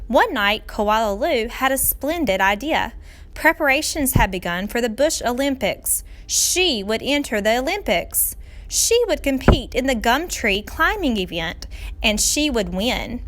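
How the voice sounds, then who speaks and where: In a somewhat high voice, a woman narrates a children's story aloud the way a teacher might, drawing out lines deliberately and dramatically to engage young listeners.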